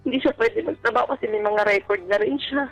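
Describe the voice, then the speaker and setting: A woman with a Filipino accent phones into a radio show for advice, speaking fast in a slightly high voice. She's polite and deferential as she conversationally tells a personal story. The call sounds dull and lo-fi, with music playing.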